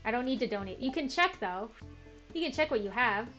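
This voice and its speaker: This young Canadian woman, a gaming video host, talks a little fast in a fairly high, fairly bright voice with lively intonation. Her chat while playing a farming game is casual, rambling, filler-heavy, and self-deprecating. It's recorded slightly muffled, with game music faintly in the background.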